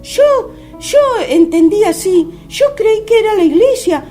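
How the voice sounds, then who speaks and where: A woman in her fifties with an Argentine accent giving a fervent religious testimony on her radio program. She talks haltingly and keeps calling her listeners brothers. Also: extremely high pitch, expressive, mellow, faint music behind. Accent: Argentine Spanish. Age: 50s.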